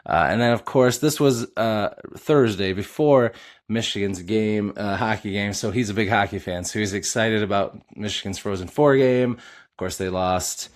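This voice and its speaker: A middle-aged man with a lowish voice hosts a sports podcast. He talks casually as an eager fan and drops frequent filler uhs between thoughts. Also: normal speed.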